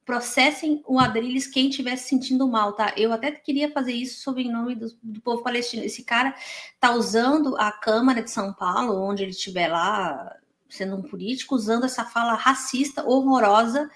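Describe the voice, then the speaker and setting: A woman's voice: a little high, fairly quick, fairly bright tone. Heated Brazilian woman reacting to a clip. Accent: Brazilian Portuguese. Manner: indignant, heated, many restarts and fillers. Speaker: reaction channel host. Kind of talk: reaction commentary on a podcast clip.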